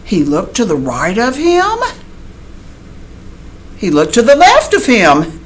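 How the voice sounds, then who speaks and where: Speaking slowly in a medium-pitched voice whose pitch swoops wildly, a woman reads a children's picture book aloud with teacherly expression. She sprinkles in chatty asides and asks her young listeners questions.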